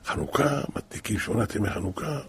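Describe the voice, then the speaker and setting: A man voicing a calm shopkeeper who explains things in a matter-of-fact way. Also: on the low side, slightly rough, voice pushed down, heavily acted. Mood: explaining.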